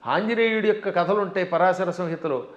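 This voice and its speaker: A man speaks as a learned scholar in a devotional interview, pressing his points with emphasis and slipping into slow mantra chanting. His voice sits high, and the recording is dull and roomy. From South India. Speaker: Vedic scholar guest. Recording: dull sound in an echoey room.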